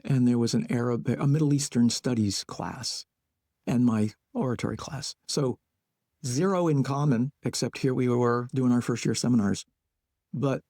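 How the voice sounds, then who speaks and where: A man guest, a playwright and educator, talking reflectively in an interview and thinking aloud in short measured phrases. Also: mid-range voice, warm tone, no room sound, clean studio sound.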